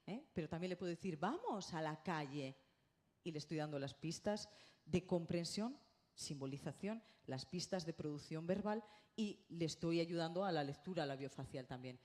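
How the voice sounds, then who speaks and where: A middle-aged woman giving a lively conference lecture as a speech therapist, often tagging her points with a quick question. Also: deep voice. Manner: animated, lively, checks in with tag questions. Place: conference hall.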